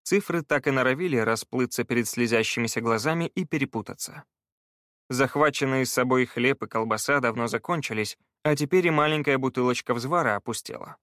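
A man narrating a fantasy audiobook in a measured, even storytelling manner. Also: mid-range voice, no room sound, studio quality.

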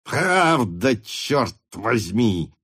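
A man voicing a hot-tempered male cavalry officer who shouts and blusters. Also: on the high side, expressive, unhurried, voice pushed up. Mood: fierce.

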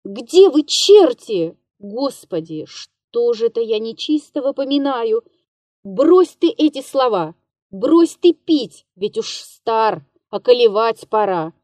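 A woman voicing a frightened, maudlin drunken old male comic actor of fifty-eight in a literary audiobook, muttering, shouting in terror and whimpering. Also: a little high, no room sound, studio quality, pitched above the performer's own voice. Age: 58 (figure).

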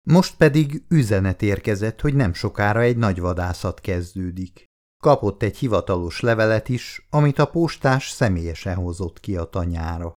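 Male audiobook reader, low voice, highly animated intonation. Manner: expressive, animated reading. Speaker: audiobook narrator. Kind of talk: audiobook reading.

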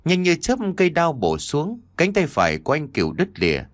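A man narrating a dark story as an audiobook reader, telling it dramatically. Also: on the high side, huge pitch swings, brisk, no room sound, studio quality.

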